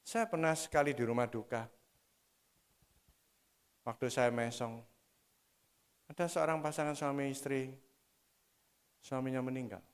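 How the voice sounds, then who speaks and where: A man preaching a sermon, calling the congregation "saudara" and swinging between soft, low asides and loud, emphatic exhortation. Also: fairly even intonation, measured pace, long pauses.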